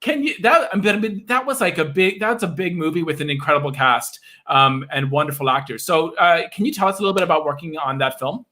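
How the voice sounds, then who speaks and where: A man from Newfoundland hosting an interview, enthusiastic and halting as he asks questions. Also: fairly high pitch, pushed and bright. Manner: enthusiastic and halting, with many fillers and restarts. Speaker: host. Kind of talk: casual interview chat.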